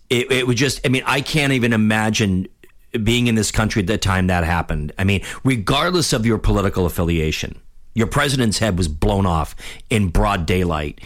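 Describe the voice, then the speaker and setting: A fifty-year-old man with a lowish voice hosts a radio talk show, delivering a blunt, rambling opinion monologue packed with restarts. He's losing his voice, which grows hoarse as he goes.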